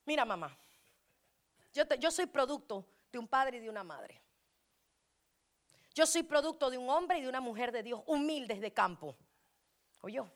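A woman preaching a fervent sermon at a church service. She swings from shouting to hushed pleading and breaks into speaking in tongues. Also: sits high, lively intonation, normal speed, pauses often. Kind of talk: Pentecostal sermon.

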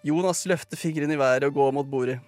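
Male narrator for a live radio play, slightly higher voice, brisk and dry delivery, close and dry sound. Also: a little mellow, no echo.

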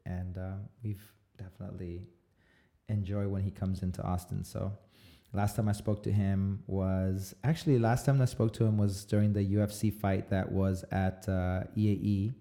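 A man in his thirties from Texas, hosting a casual podcast conversation in a relaxed, rambling way. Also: deep voice, moderate pace, vocal fry. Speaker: podcast host.

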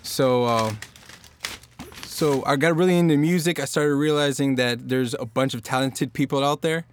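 This medium-pitched man from Norfolk, Virginia is a singer-songwriter appearing as a podcast guest, talking at a moderate pace with slight background noise behind him. He's relaxed and loose, rambling with plenty of fillers and restarts.

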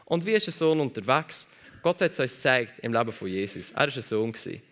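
A man's voice: medium pitch, lively intonation, fast talker, a bit bright. A man preaching a sermon emphatically, repeating phrases for stress.

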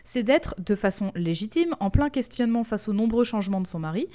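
A woman co-hosting a podcast, chatting casually and reading from her notes, quick to laugh. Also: medium pitch. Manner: lively, quick to laugh, reads quotes in a measured voice. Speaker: podcast co-host. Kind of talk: casual chat mixed with reading notes aloud.

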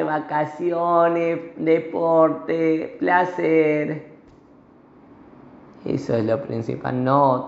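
A man's voice: on the high side, a little mellow. A man with a Rioplatense accent giving an earnest, emphatic sermon as a rabbi and weaving in Hebrew terms. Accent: Rioplatense Spanish. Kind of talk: sermon with a parable. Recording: roomy, slightly dull recording.

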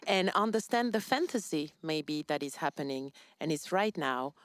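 French-accented woman co-host, low voice, relaxed and searching for words. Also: normal speed, no echo. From France. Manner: thoughtful, searching for words with fillers. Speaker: podcast co-host. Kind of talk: casual podcast conversation.

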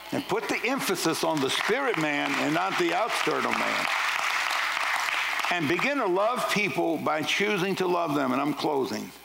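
A man's voice: a little high, gravelly, a bit bright, low-quality recording. A man preaching a sermon, firing rhetorical questions and casual asides at his congregation. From Louisiana. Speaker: pastor.

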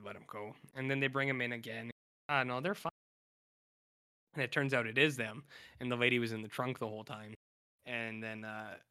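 Chatting casually as a podcast co-host, this man goes over a TV show, his talk full of fillers and restarts. His mid-range voice sounds raspy, hoarse from talking, and sharp.

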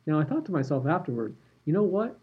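A man hosting a podcast, telling a story in a relaxed, animated way. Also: fairly high pitch, fast talker, slightly rough, narrow, tinny audio. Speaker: podcast host and former sports reporter.

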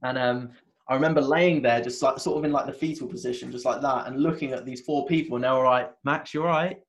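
A man talks as a guest in a conversation. His voice sits at an ordinary middle pitch. He tells a personal story with lots of restarts and fillers, and he acts out the words of his past self. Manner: animated retelling, acting out his own past words; halting, many restarts and fillers. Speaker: interview guest, wellness coach.

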